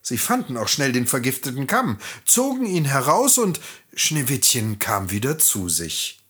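A storyteller reading a fairy tale aloud in an expressive, lively way. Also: medium pitch, measured pace, breathy edge.

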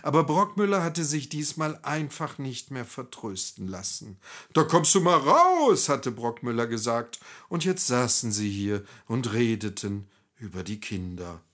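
A man narrating a scripted story in a wry, animated way. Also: medium pitch, unhurried, hardly any pauses.

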